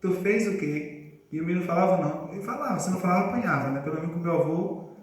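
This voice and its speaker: A man's voice: a little high, expressive, very fast. A male preacher giving a conversational sermon, quizzing his congregation. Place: church congregation hall. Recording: echoey room, voice far from mic.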